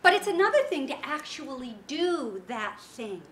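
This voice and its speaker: A woman's voice: high-pitched, normal speed. A woman founder of a women's business network, giving a motivational talk to an audience and telling stories with acted-out quotes. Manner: animated storytelling with acted-out quotes. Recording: roomy echo, faint background noise.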